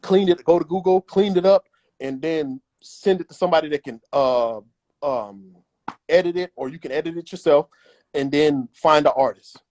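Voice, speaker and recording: A man's voice: fairly high pitch, moderate pace, a little mellow. Emphatic man giving casual advice. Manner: emphatic and repetitive, acts out imagined voices. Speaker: interview guest.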